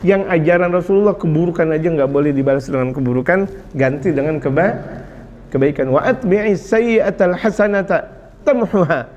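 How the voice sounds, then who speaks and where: Lively high-voiced preacher. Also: male voice, dull audio. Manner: lively, jokes and acts out scolding parents. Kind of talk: sermon.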